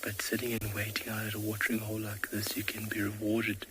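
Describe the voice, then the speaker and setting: A man whispering live wildlife commentary as a safari guide at a watering hole, hushed and awed. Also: lowish voice, completely flat delivery, brisk. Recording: outdoor ambience noise.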